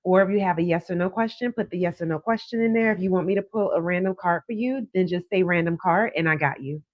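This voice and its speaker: A woman's voice: on the low side, quick pace, no room sound, muffled recording. A woman hosting a live call-in as a psychic card reader, chatting casually and drawing out words for emphasis. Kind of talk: casual live-stream chat and card reading. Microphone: phone propped on a desk.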